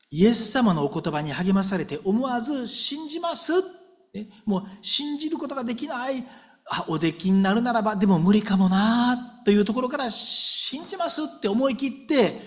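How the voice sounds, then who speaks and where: A male pastor preaching in a high, very lively voice that swoops up and down. He talks warmly and conversationally to his congregation, often checking in with them. He acts out heartfelt prayers as he goes. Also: moderate pace. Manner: conversational preaching with frequent tag questions to the congregation; animated and expressive, acting out prayers aloud. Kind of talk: sermon.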